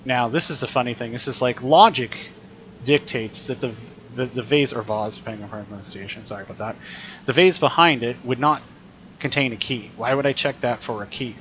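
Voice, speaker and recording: A man talking through a video game as a teacher, chatty and explanatory, thinking aloud as he plays. His voice sits in a middle pitch, with faint room noise behind him. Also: brisk, fairly bright tone. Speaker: teacher streaming gameplay. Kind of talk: casual gameplay commentary.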